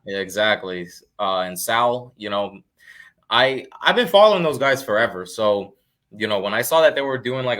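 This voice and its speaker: A young man from Florida chats easily as an interview guest, his voice sitting a little low. He keeps things loose and conversational, often leaning on "you know" and starting sentences over. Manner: relaxed, peppered with "you know" and restarts. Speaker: guest, real estate investor. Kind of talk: casual live Q&A chat.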